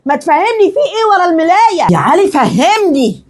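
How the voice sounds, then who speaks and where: A woman with an Egyptian accent plays a suspicious wife in a comedy sketch. Her voice is high and swings widely as she talks fast. She nags and demands answers. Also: very animated.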